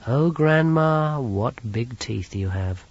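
A man voicing a stern, no-nonsense young governess who speaks in crisp, clipped commands. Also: medium pitch, lively intonation, slow, no echo, exaggerated voice. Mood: brisk. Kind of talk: audiobook character voice. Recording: dull lo-fi recording.

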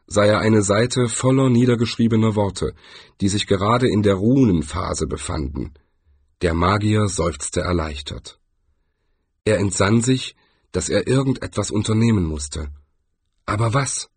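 Brief: male audiobook narrator, low and husky, measured delivery. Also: no echo. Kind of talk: scripted narration.

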